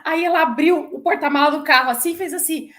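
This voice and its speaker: A Brazilian woman in her forties, a former flight attendant, chatting in an interview and telling stories with lively acted-out quotes. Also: high-pitched, fast talker. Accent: Brazilian Portuguese. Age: 40s. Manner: lively storyteller who acts out quoted voices. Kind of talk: casual chat interview.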